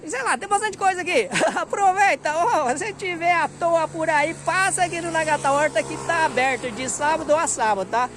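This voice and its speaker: Showing off a roadside vegetable stand under the hot afternoon sun, a Brazilian vlogger chats in a high, slightly bright voice at normal speed with few pauses. He laughs a lot and repeatedly drops "rapaz" and "ó," and there's a little hiss or hum in the recording.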